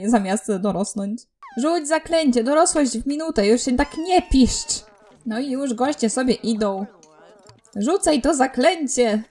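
A woman's voice: on the high side, darkish tone. A young woman casually commenting on her life-simulation game, exasperated and bossing her characters around with frequent laughs. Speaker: let's play host.

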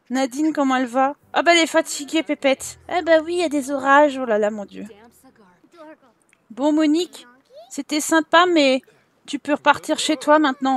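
Speaking at a moderate pace in a high voice, a young woman commentates casually on her let's play for YouTube. She often giggles and addresses her characters directly.

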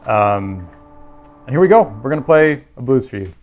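Relaxed man hosting a livestream from home. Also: mid-range voice, normal speed, highs cut off. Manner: relaxed, reads viewer comments aloud. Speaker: livestream host and pianist. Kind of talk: casual chat. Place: home apartment studio. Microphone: talk mic.

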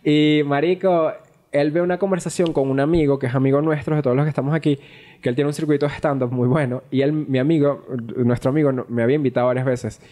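A man's voice: a little high, fast. Profane young man telling a story. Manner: animated, profane, acts out quoted dialogue. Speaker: podcast co-host. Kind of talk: casual podcast storytelling.

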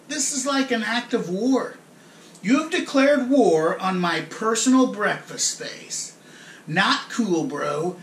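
Casting: middle-aged man as indignant frat bro, intense dramatic comic monologue, swinging pitch, echoey room, distant mic. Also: fairly bright tone, a little hiss or hum, heavily acted. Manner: theatrical, indignant, emphatic. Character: aggrieved, exasperated frat bro confronting his housemate. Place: home kitchen. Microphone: camera a few feet away.

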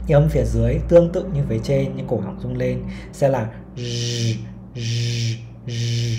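Man coaching pronunciation slowly and patiently. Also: mid-range voice, warm tone, reverberant, slight background noise. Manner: patient, repeats sounds several times, models words slowly. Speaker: English pronunciation teacher. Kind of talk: pronunciation lesson with slow modeled examples.

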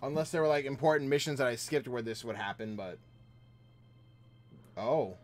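A man's voice: medium pitch, normal speed, soft background music. Rambling male game streamer. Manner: rambling, chatting with viewers while playing. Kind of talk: casual gameplay chat.

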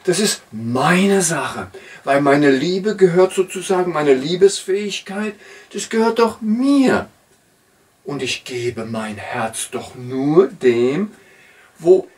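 A man giving a reflective sermon, slow and searching, often pausing to question himself. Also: a little high, darkish tone, far from the mic. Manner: slow, searching, with frequent pauses and self-questioning. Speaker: preacher.

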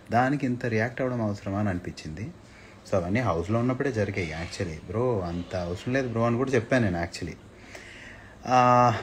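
Man, lowish voice, casual live-stream talk, hesitant fillers, faint background noise. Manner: switches between Telugu and English, frequent hesitations. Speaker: reality show contestant speaking to fans. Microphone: phone or webcam live stream.

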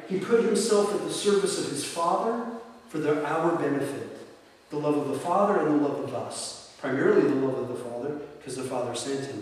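Emphatic deacon in an echoing hall. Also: male voice, a little high, darkish tone. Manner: emphatic, repeats himself, rhetorical questions. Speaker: deacon lecturing on scripture. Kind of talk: church talk, teaching. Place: parish hall or church. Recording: roomy hall, distant mic, faint hiss.

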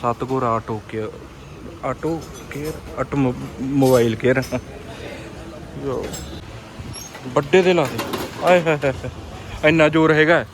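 A man's voice: medium pitch, unhurried, pauses often. A young man chatting casually and playfully as a vlogger, full of slangy exclamations. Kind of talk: casual vlog chat. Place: outdoors on streets and at a scooter workshop. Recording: noisy outdoor vlog with traffic.

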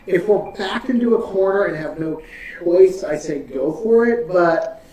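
Chatty, high-voiced man in an echoey room. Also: lively intonation, a little slow, a little mellow, distant mic. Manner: chatty and jokey, explaining game mechanics. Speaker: co-host of a let's-play. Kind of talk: casual gaming commentary. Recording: echoey room, off-mic, faint hiss.

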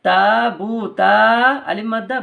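A man's voice: high-pitched, fairly even intonation, slow, vocal fry, fairly bright tone. A man with a Bangladeshi Bengali accent teaching Quran recitation rules in a patient tutorial, repeating each rule twice. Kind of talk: step-by-step tutorial lesson.

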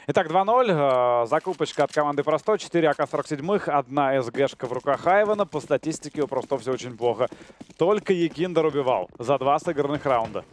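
A man's voice: a little high, lively intonation, fairly quick, a little hiss or hum. A man co-casting an esports match, giving live commentary and analysis. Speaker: esports co-caster.

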